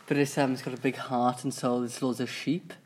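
Man, twenty-one, Welsh Valleys accent, medium pitch, informal conversation. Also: little pitch movement, brisk, a little hiss or hum. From Pontypridd, South Wales valleys. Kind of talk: casual unscripted chat.

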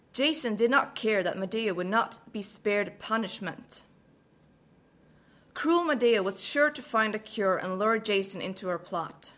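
A young Norwegian woman, a native speaker of Norwegian, reads a passage and then chats casually in English, her medium-pitched, slightly bright voice carrying a Norwegian accent that leans American. Her speech is melodic and hesitant, full of fillers.

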